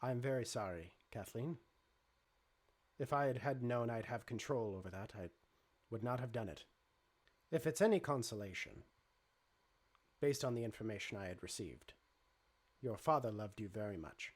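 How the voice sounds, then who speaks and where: A man voicing a vengeful but polite male robot in a tabletop game, speaking in low, measured, formal sentences. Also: expressive, lightly acted. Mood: apologetic.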